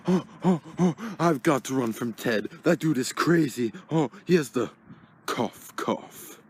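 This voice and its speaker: Fretful old green plush toy, voiced by a man, mutters, a bit high. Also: animated, takes it slowly, pauses often, a little mellow, slightly rough, full character voice. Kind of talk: plush toy puppet skit.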